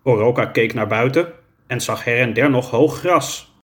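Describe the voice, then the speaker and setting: A man narrating a children's story in a measured, clear storytelling manner. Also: medium pitch, a bit bright.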